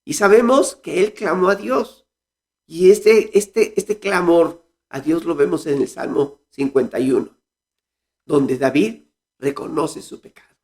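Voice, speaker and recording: A man's voice: a little high, unhurried. A man giving a home Sunday school Bible lesson, reading scripture aloud with expression.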